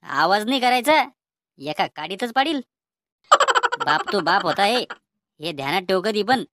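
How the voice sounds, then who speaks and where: A woman voicing a bossy, stubborn old grandfather in a cartoon comedy, speaking with a Vidarbha Marathi accent in a gruff, defiant, threatening way. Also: medium pitch, expressive, measured pace, a bit bright.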